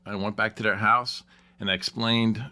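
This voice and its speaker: A man's voice: on the low side, little pitch movement, normal speed, sharp tone. A middle-aged man telling his side of the story casually and emphatically, laughing mid-sentence. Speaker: guest co-speaker.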